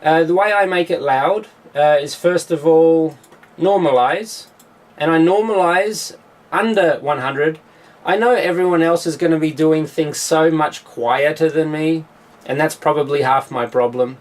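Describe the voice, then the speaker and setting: A man's voice: on the high side, a little slow. Easygoing male producer explaining his mix. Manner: explanatory, with frequent filler sounds. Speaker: music producer. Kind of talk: studio tutorial. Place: home music studio.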